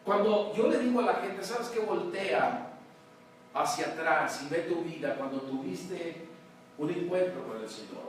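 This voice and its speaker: A male pastor preaching a sermon, swinging between loud emphasis and hushed words, often calling out to his congregation. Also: on the high side. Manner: addresses congregation as "hermano", asks "¿verdad?". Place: large church hall. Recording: very echoey church hall, mic far off, faint noise.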